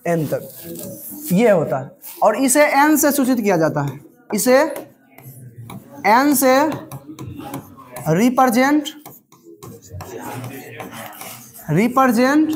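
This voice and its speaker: Slow-talking male maths teacher. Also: high voice. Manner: keeps asking if students understood; repeats terms word by word. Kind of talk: slow classroom lecture.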